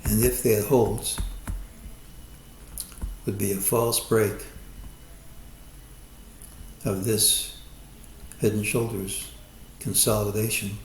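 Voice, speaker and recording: A man with a lowish voice walks through a stock chart and lays out his market forecast. He talks in a measured, hedging way and weighs every possibility. The recording has a roomy echo and a faint hum of ambience behind it. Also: flat delivery. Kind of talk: chart analysis monologue.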